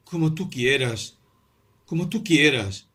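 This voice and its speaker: A man voicing a dazed, feverish young clerk who speaks slowly, vaguely and mysteriously. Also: mid-range voice, animated, bright, forceful tone, breathy edge, voice pushed up, heavily acted.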